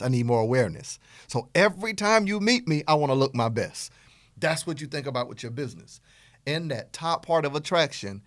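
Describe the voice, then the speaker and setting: A podcast host and business coach with a Southern US accent casually teaches business strategy, animated and playful as he acts out bits of dialogue. His medium-pitched voice comes through in clean studio sound with no echo.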